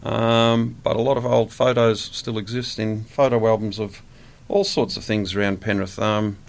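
An Australian man in his sixties, a guest chatting in a relaxed interview, rambling with many fillers. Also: lowish voice, moderate pace, creaky. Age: 60s.

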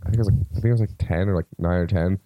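A man's voice: sits low, rapid-fire, no room sound, phone-quality sound. A tired young man co-hosting a podcast in casual chat, rambling with lots of fillers. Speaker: podcast co-host.

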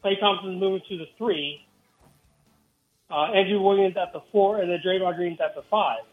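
A man's voice: high voice, normal speed, soft background music. A man calling into a sports radio show, his voice coming through a tinny phone line that sounds like it is inside a tin can. He lays out his argument point by point. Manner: analytical, builds a case point by point. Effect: tinny phone line, like talking inside a tin can. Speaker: caller. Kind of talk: sports call-in analysis.

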